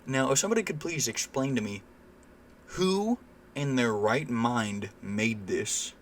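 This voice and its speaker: A man's voice: mid-range voice, expressive, measured pace, slight background noise. A young man ranting casually and indignantly in a vlog, swearing freely and using lots of fillers. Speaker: vlogger.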